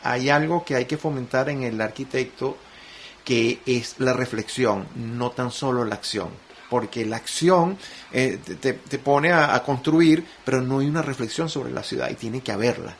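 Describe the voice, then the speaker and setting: A man with a Caracas Venezuelan accent, a guest musician on a radio interview, talking reflectively and telling animated stories with many restarts. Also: mid-range voice, normal speed. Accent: Caracas Venezuelan Spanish. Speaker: guest musician and sound artist. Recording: faint noise, radio studio.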